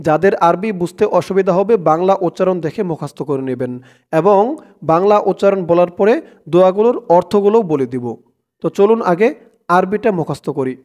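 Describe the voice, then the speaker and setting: A man's voice: sits high, animated, darkish tone. A man teaching a prayer, spelling it out syllable by syllable and chanting the words drawn out, with a Bangladeshi accent. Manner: drawn-out chanting of Arabic words between quick Bengali explanations. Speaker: Quran and dua teacher.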